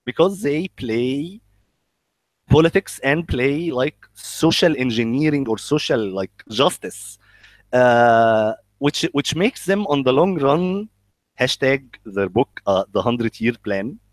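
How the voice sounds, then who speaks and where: In casual conversation, an Egyptian-accented man jokes, swears, and speaks bluntly, often tripping over word beginnings in halting stammers. His voice sits in the mid-range, expressive, on a dry recording.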